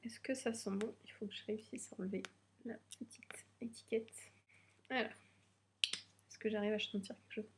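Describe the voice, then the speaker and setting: A young woman with a cold-stuffed nose records her nervous first beauty vlog, chatting casually and hesitantly with many fillers while unboxing beauty products. Her medium-pitched voice has fairly even intonation and a moderate pace, broken by long pauses, with background noise audible.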